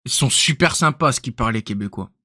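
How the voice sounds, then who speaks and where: This young northern Frenchman, speaking with the region's accent, rambles and jokes his way through a live stream, letting his words fade into mutters. The studio-quality, dry recording captures a mid-range, expressive voice that is quick, bright and forceful with a breathy edge.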